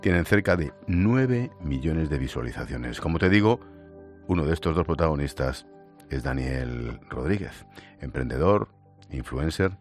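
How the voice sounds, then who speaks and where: A man's voice: extremely low pitch, animated, normal speed, a little mellow, faint music behind. A man hosting a radio segment, reading a scripted narration and then chatting informally with a guest. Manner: informal with guest, calls him macho and tío. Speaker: radio host.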